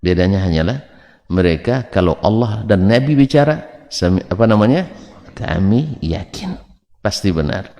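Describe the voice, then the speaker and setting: A man's voice: on the low side, animated, moderate pace, dark tone. A man giving a religious lesson, joking and teasing his listeners with rhetorical questions. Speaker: Islamic religious teacher. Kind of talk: religious lecture with banter. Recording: long hall reverb.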